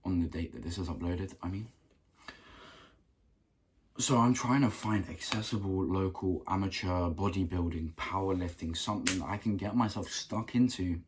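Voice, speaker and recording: A young man giving an earnest motivational talk to camera, repeating phrases for emphasis and clearing a rough throat. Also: sits low, moderate pace, a little hiss or hum. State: keeps clearing his throat. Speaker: self-improvement vlogger.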